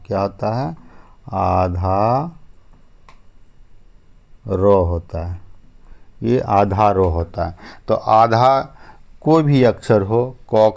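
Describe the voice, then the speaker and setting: Slow and patient, a male English teacher goes through spelling one step at a time, repeating himself and often using "ठीक है" and "अब जो है". His voice is low-ish, creaky and somewhat dark.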